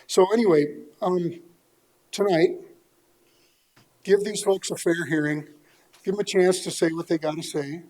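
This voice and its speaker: An American man addresses a meeting in a slightly high but mellow voice. He is plain-spoken and folksy in his public comment. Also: steady tone, measured pace, long pauses, poor audio. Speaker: speaker giving public comment.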